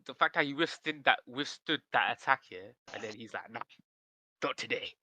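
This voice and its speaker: A man's voice: mid-range voice, fairly quick, no room sound. Man chatting animatedly on a podcast. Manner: rambling, animated retelling with slang. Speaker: podcast co-host. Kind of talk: casual chat.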